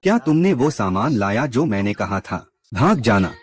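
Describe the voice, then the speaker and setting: A man's voice: medium pitch, big pitch swings, normal speed. A man narrating a drama recap in a scripted way, reading out every character's lines himself.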